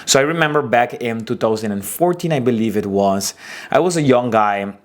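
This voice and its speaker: Animated young man with Aruban accent. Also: brisk. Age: 20s. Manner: animated, expressive storytelling with big pitch swings. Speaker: wedding photographer sharing business advice. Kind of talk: casual talking-head advice episode.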